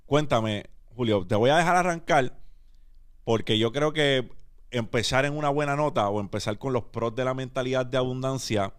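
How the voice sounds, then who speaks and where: A Puerto Rican man with a fairly low voice hosts a casual podcast. He talks with energy and drops English words into his Spanish. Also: clean tone. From Puerto Rico. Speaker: podcast host.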